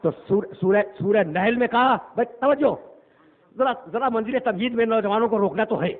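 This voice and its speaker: Male cleric, sermon delivery with loud declaiming and low murmurs; high, raspy voice on a lo-fi recording. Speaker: Shia cleric delivering a majlis. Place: imambargah hall. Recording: tinny phone-like lo-fi recording.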